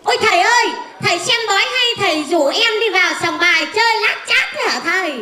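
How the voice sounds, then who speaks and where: A woman's voice: very high-pitched, fast, reverberant, heavy background noise. A woman playing a silly, coy young woman who dreams of singing, in a comic stage sketch, whiny and wailing off-key.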